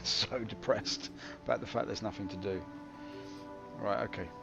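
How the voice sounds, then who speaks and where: Playing on a live stream with game music in the background, he mutters wry complaints and jokes at his own expense. His lowish voice is creaky, evenly intoned and moderately paced, and the audio sounds dull.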